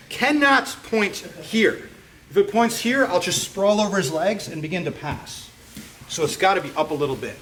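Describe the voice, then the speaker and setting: A middle-aged jiu-jitsu instructor with a high, slightly bright voice tells casual stories, then teaches techniques on the mat in a martial arts gym. He's chatty and self-deprecating, constantly checking in with fillers like "okay?" and "right?". A faint hiss or hum runs under the recording.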